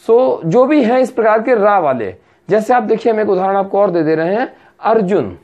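A woman's voice: medium pitch, expressive, moderate pace, darkish tone, dull audio. A woman teaching a spelling lesson, patiently repeating words and checking that her students follow.

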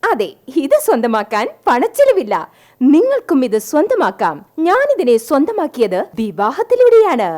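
A woman's voice: high-pitched, huge pitch swings, moderate pace, a little mellow. A woman playing a bossy wife selling her husband. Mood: salesy. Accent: Malayali. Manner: salesy, showy announcing. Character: bossy wife parodying a product advert. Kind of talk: live stage comedy skit.

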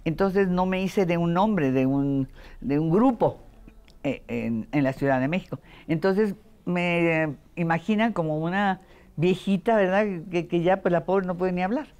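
An older woman with a Mexican Spanish accent, a veteran voice actress chatting in an interview, telling lively stories and mimicking voices. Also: lowish voice, unhurried. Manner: lively storytelling with playful voice imitations. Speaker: voice actress and dubbing director. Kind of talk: casual interview chat.

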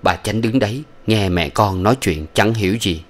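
A man reading a novel aloud as an audiobook narrator in a steady, measured way. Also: on the low side. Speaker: audiobook reader. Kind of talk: scripted narration.

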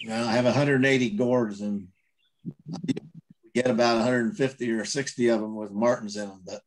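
A man's voice: mid-range voice, steady tone, moderate pace. A plainspoken man gives matter-of-fact answers in a mid-range voice on a video call. A faint hiss runs under the audio. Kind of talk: casual chat.

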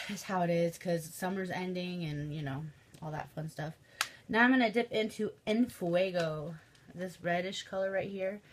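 A woman's voice: on the low side, fairly bright tone. A young woman with a Midwestern American accent talks through her makeup in a loose, chatty way, full of ums and likes. Her nose is stuffed up and she sniffles now and then. A faint hiss sits under her voice. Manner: chatty, filler-heavy, says um and like often. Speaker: beauty vlogger. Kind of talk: casual makeup tutorial chat.

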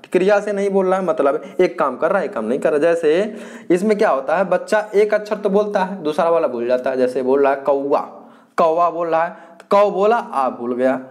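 A man's voice: on the high side, darkish tone. A male teacher giving an exam-prep lecture. He repeats his points, asks the class questions and answers them himself, and often hesitates and restarts.

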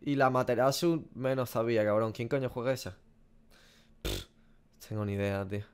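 A young Spanish man with a mid-range, gravelly yet clear and resonant voice speaks at a moderate pace. He's a gaming streamer in a small indoor room, guessing game skins with casual, animated reactions, frequent swearing and plenty of self-mockery.

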